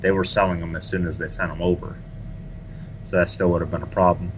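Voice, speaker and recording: A man hosting a casual gaming podcast, talking in an animated, complaining way and laughing easily. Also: low voice, quick pace, slight background noise, low-quality recording. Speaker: podcast host.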